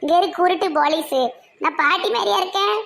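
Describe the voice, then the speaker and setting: A woman's voice: fairly quick, vocal fry, fairly bright tone, heavily acted. A woman playing a quarrelsome, meddling village aunt who insists she is not old, speaking with a Kanyakumari Tamil accent in a comedy skit. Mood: indignant. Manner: scolding, cursing, shrill.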